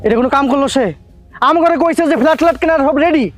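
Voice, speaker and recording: An actor playing an anxious, impatient husband in a family drama, talking in an agitated, colloquial, repetitive way. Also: male voice, extremely high pitch, racing, soft background music. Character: anxious, fretful married man, impatient son. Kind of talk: Bengali family TV drama acting.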